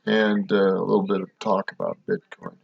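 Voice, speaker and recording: A man's voice: low voice, very animated, moderate pace, vocal fry, breathy edge, no room sound. A man from Montana hosting a video, giving casual, folksy advice with plenty of fillers. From Montana, USA. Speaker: video host. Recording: dull, dry, lo-fi recording.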